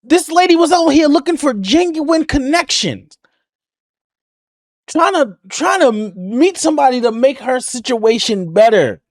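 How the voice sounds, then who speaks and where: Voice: sits high, lively intonation, unhurried, dry recording, studio quality. A reaction video host ranting angrily with heavy profanity while commenting on a clip. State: livid.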